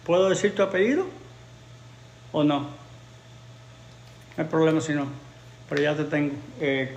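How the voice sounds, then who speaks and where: A native Spanish speaker teaches English on a livestream, chatting casually with viewers and often repeating phrases so learners can follow. His voice is fairly high, and the room adds an echo with faint ambience and slight background noise.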